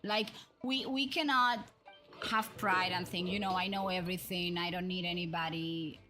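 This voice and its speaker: Her voice is fairly low, with fairly even intonation and a moderate pace. The livestream host plays a game while thinking aloud in chatty, wandering commentary, backed by music.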